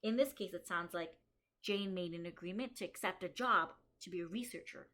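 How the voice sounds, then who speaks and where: Her voice is lowish, bright, and forceful in tone. A woman who teaches kindergarten reads a picture book aloud to young children, slowing down to stress key lines and stopping to think aloud and explain what the author and illustrator show.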